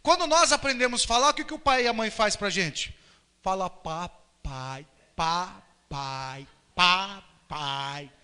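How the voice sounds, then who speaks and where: A man with a Brazilian Portuguese accent preaching a lively sermon as a pastor, acting out quoted voices. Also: very high voice, fast talker, few pauses. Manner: animated, acts out quotes and voices. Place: church hall. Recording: live church recording with long reverb.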